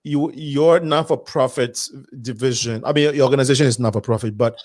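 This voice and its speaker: A man's voice: mid-range voice, darkish tone, no room sound. A man hosting an interview, restarting his words as he frames questions. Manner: halting, repeats words while framing questions. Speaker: host.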